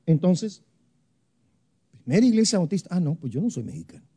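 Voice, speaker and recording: A man preaching a sermon, emphatic, with big swings in pitch and loudness as he stresses points. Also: sing-song, fairly quick, slightly rough. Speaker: pastor.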